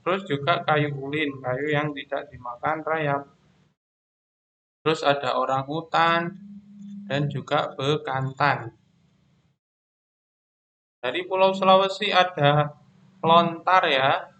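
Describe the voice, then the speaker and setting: A man teaching a primary school class online, explaining slowly and patiently, often pausing on "ya" and "terus". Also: fairly high pitch, fairly even intonation, bright, forceful tone, a little hiss or hum.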